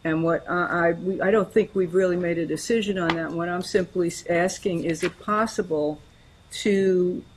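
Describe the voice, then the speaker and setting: A woman's voice: lowish voice, fairly even intonation, normal speed, slight background noise, low-quality recording. A woman board member raising a question in a meeting, hesitant with restarts. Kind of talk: meeting discussion.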